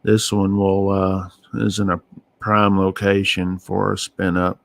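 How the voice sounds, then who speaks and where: A man giving casual live weather radar commentary as an amateur streamer, thinking aloud in short, halting phrases. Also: low voice, level tone, gravelly, dry recording. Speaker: amateur storm-watching livestream host.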